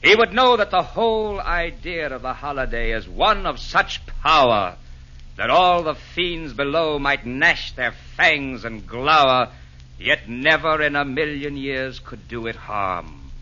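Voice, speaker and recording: An actor playing a calm, genial Santa Claus who chides gently in rhyming verse in a 1940s radio play. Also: male voice, medium pitch, a little slow. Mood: earnest. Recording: dull lo-fi 1940s radio recording.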